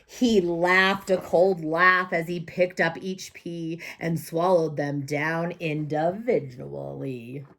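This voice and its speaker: A woman storyteller reading a rhyming children's picture book aloud with slow, expressive sing-song rhythm. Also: deep voice.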